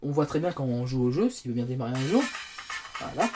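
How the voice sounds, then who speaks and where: A man's voice: medium pitch, lively intonation, quick pace, over music. A man reviewing a phone, chatting casually while he plays games on it, with self-mocking asides. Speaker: tech reviewer. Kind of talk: casual game-testing commentary. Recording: faint background noise.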